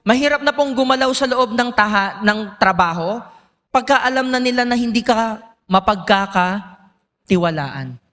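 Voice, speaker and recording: Pastor preaching, kinda high voice, asks the crowd stuff a lot, church echo everywhere. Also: male voice, lively intonation, moderate pace, fairly bright tone. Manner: engaging, asks the congregation questions. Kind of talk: sermon.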